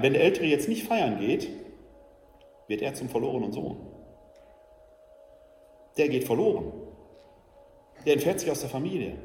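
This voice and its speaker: A man's voice: a little high, a little mellow. A man giving an emphatic lecture as a church educator, asking his audience questions, in an echoey hall. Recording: echoey hall, faint ambience.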